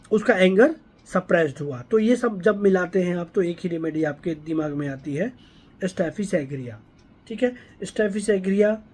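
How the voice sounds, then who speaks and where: A man's voice: high voice, darkish tone. A man, a homeopathy doctor, walking listeners through a patient case and often checking that they follow. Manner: explanatory, keeps checking in with listeners. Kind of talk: explaining a patient case to students.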